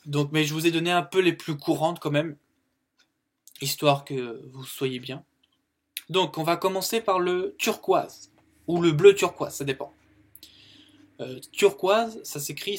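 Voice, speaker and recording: A French-speaking man teaching colour words in a casual video lesson, repeating each word and using plenty of fillers. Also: a little high. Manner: explains slowly, repeats words, many fillers. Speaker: YouTube English teacher.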